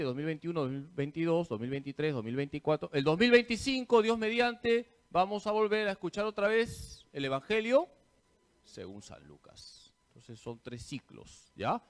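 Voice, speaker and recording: A male priest teaches a parish class at an unhurried pace. His voice sits a little high and swings widely in pitch as he quizzes his listeners and then answers himself, repeating each key point. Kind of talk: parish catechesis talk.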